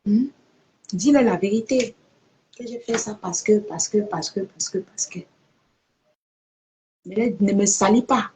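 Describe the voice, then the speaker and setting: A woman's voice: mid-range voice, measured pace, pauses often, warm tone, a little hiss or hum. A woman, delivering a confrontational vlog rant to her followers and repeating her points for effect. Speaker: social media personality. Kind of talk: live video rant to followers.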